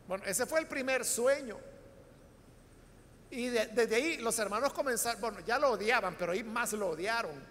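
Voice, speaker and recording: A man's voice: extremely high pitch, animated, normal speed, a bit bright, big-room sound, slight background noise. A man with a Salvadoran accent, preaching a Bible study sermon and explaining the text to his congregation with frequent rhetorical questions. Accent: Salvadoran Spanish. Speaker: pastor.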